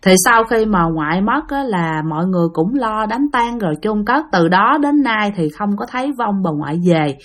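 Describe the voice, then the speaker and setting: A woman's voice: medium pitch, lively intonation, moderate pace, few pauses. A woman with a Southern Vietnamese accent retelling a ghost story in a conversational way, speaking directly to her listeners.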